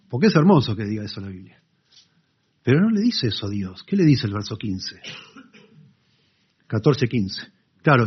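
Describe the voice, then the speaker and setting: Husky Argentine pastor preaching. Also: male voice, mid-range voice. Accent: Argentine Spanish. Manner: conversational storytelling, animated asides to the congregation. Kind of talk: sermon. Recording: dull lo-fi sermon recording.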